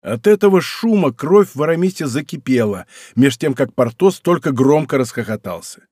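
A man reading a novel aloud as audiobook narrator, measured and expressive. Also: medium pitch, husky, no echo, clean studio sound. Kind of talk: scripted narration.

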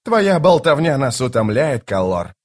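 A man voicing a fierce, impatient elder god in an audiobook, growling and forceful. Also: medium pitch, sing-song, unhurried. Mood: furious. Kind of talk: audiobook character voice.

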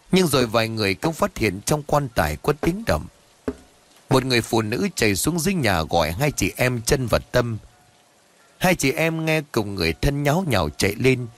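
A man narrating a Vietnamese horror story in a steady, expressive storytelling voice. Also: mid-range voice. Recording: faint background music.

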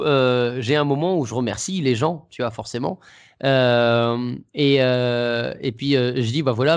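A man, a comedian guest, casually telling an anecdote in an interview, hesitant and full of restarts. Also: medium pitch. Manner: hesitant, many restarts and fillers.

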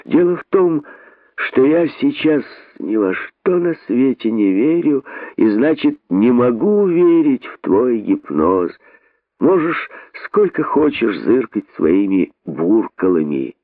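A man's voice: medium pitch, very animated, slow pace, no echo, voice pushed up. An actor reading an audiobook, voicing a bitter, cynical male rabbit who speaks in a sneering, jittery way, on tinny phone-like audio. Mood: bored.

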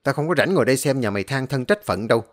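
A man's voice: medium pitch, expressive, rapid-fire, close to an everyday voice. A man voicing a cold-blooded male henchman who gives curt, contemptuous orders.

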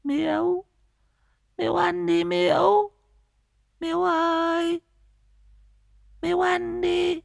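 Brief: man putting on a childlike madwoman for a ghost story, very high and creaky, slow, in a dry booth. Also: flat delivery, dry recording, full character voice. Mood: pleading, simple. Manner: childlike broken speech. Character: simple-minded young madwoman, childlike, devoted mother. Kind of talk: storytelling narration.

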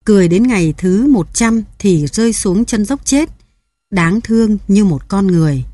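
A woman narrating a literary novel as an audiobook, steady and even. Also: mid-range voice, normal speed, no echo.

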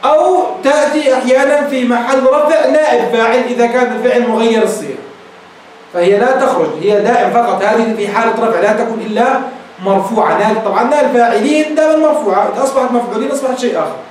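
A sheikh teaching a grammar lesson, asking rhetorical questions and repeating his examples slowly, addressing his listeners as beloved ones. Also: very high voice. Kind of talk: classroom grammar lecture. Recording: very echoey room, voice from a distance, faint noise.

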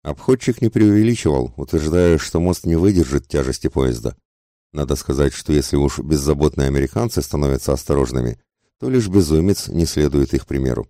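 A man reading an audiobook in a measured, even way. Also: a bass voice, dry recording, studio quality. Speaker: audiobook narrator. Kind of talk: audiobook narration.

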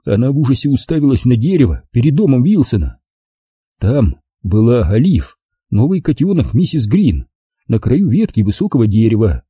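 A man reading a children's storybook aloud in the first person, expressive and lively. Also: mid-range voice, husky, no echo, studio quality. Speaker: audiobook reader. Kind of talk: storybook narration.

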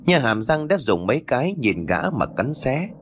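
Give me a man narrating a story dramatically, with a lively, animated delivery. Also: medium pitch, moderate pace, noisy background. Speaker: audiobook narrator. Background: faint background music.

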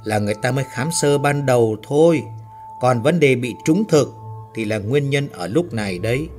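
A man's voice: mid-range voice, animated, moderate pace, a little mellow, faint music behind, lightly acted. A man voicing a level-headed male foreman who brushes off talk of ghosts. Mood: skeptical. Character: calm, skeptical male foreman.

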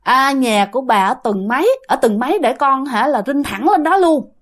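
A woman's voice: high voice, expressive, normal speed. A woman voicing a young husband who talks in a casual, offhand way. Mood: polite. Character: young husband, easygoing and joking.

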